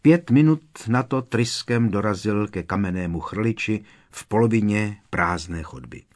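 A man's voice: fairly low pitch, animated, a little mellow. A man narrating an audiobook with a dramatic, varied delivery.

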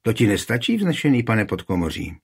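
Man reading as a smug touchy reeve, kinda husky, raised voice. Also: mid-range voice, big pitch swings. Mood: smug, indignant. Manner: smug and offended.

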